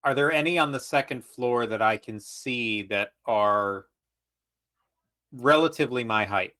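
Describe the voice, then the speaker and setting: Bright-voiced man playing a tabletop game. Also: mid-range voice, a little slow, no echo. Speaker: player. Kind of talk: casual tabletop play.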